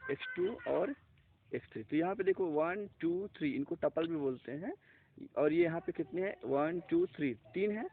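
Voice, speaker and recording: A man teaching a math lesson step by step, mixing in English terms and asking and answering his own questions. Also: on the high side. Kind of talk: classroom math lecture. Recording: tinny lo-fi, phone-like recording.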